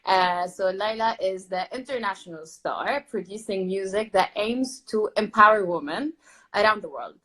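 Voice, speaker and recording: A woman's voice: medium pitch, expressive, normal speed, fairly bright tone, rough recording. A woman hosting an online talk series over a video call, enthusiastic, with frequent "literally" and "uh". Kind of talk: interview host chat.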